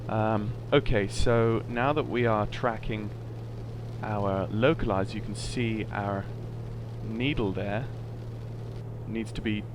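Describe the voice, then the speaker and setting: Male sim pilot, lowish voice, easygoing and slightly hesitant commentary, with a clear engine drone behind. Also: fairly even intonation, slow. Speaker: flight simulator streamer playing the pilot. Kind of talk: casual running commentary with radio calls. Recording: loud engine hum behind voice.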